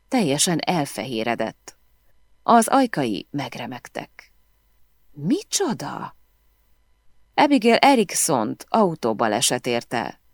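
A woman reading a novel aloud in first person with expressive storytelling. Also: rumbling low, no room sound, studio quality. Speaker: audiobook narrator. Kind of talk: scripted first-person audiobook narration.

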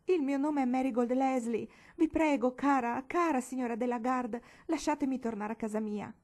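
A woman's voice: on the high side, lively intonation, moderate pace, darkish tone, pitched above the performer's own voice. A woman reading an audiobook, voicing a frightened little girl who pleads with breathless urgency. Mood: desperate.

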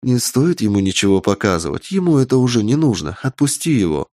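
A man's voice: medium pitch, sing-song, fairly quick, warm tone, no room sound, clean studio sound, close to an everyday voice. A man voicing an imperious, ambitious witch who speaks coldly and commandingly, in a raised voice. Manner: cold, commanding, menacing.

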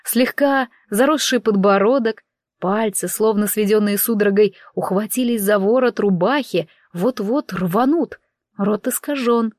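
A woman narrating a first-person audiobook in an expressive, conversational way. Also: mid-range voice, unhurried, no room sound, clean studio sound.

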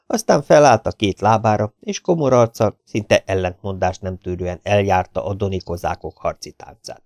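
Audiobook narrator, man, lower voice, lively theatrical reading, dry close recording. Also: no echo. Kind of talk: reading a humorous novel aloud.

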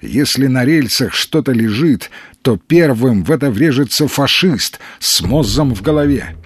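Male audiobook narrator; husky, steady dramatic reading, dry close mic. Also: mid-range voice, unhurried, no room sound. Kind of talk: scripted narration.

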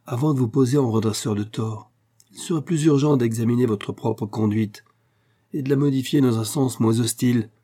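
Brief: male narrator playing a haughty young rich woman, scornful and commanding, raised voice over a mellow timbre. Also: medium pitch, normal speed, pitched above the performer's own voice, lightly acted. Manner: imperious, scornful. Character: haughty young woman, proud spoiled heiress. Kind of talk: audiobook character reading.

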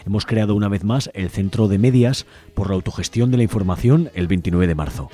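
On a community radio programme, a male host with a Spanish-from-Spain accent reads a scripted announcement in a studio. His voice sits on the low side and he talks fairly quickly.

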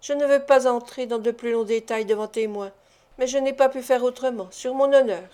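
A woman's voice: on the high side, moderate pace, mellow, natural voice. A woman reading the part of a sly, fawning old male gang leader in an audiobook, in a wheedling, submissive manner.

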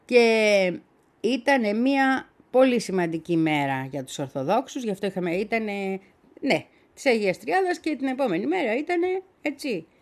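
A woman's voice: fairly high pitch, animated. A woman commenting on a radio talk show, explaining points step by step and speaking directly to her co-host.

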